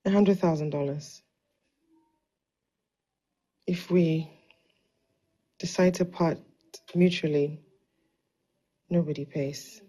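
An actress playing a gentle, lovelorn young wife, earnest and subdued, in a naturalistic screen drama. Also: female voice, low-pitched, fairly even intonation, slow, long pauses, poor audio. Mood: resigned, troubled.

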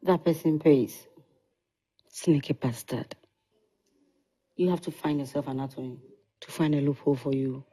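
An actress playing a blunt, protective middle-aged aunt in a naturalistic screen drama. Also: female voice, extremely low pitch, normal speed, pauses often, mellow, husky, rough recording. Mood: scornful, scheming. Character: protective, blunt aunt who raised her niece.

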